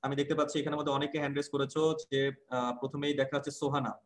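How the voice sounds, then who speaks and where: A man's voice: mid-range voice, little pitch movement, racing. A man teaching English grammar in an online class, answering a student's questions patiently and repeating key points. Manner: explains patiently, repeats points, asks rhetorical checks. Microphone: video call.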